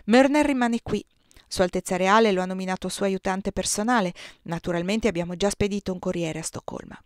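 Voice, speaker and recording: A woman reading the part of a young, eager male count, loud and formal. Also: medium pitch, fairly quick, dry recording, studio quality, lightly acted.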